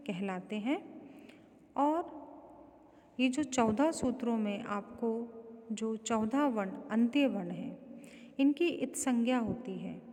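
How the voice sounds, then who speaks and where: A woman teaching Sanskrit grammar to students, speaking slowly and deliberately and spelling out syllables one by one. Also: fairly high pitch, darkish tone. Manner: addresses students directly. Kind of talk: recorded grammar lecture. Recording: long reverberant room echo.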